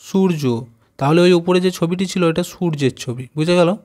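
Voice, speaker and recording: A man gives a textbook lesson for young children, his voice sitting a little high. He spells out letters patiently and keeps checking that the class follows. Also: a little mellow. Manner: slow, spelling out letters and asking "got it?". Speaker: primary school teacher. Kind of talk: textbook lesson explaining Bengali conjunct letters.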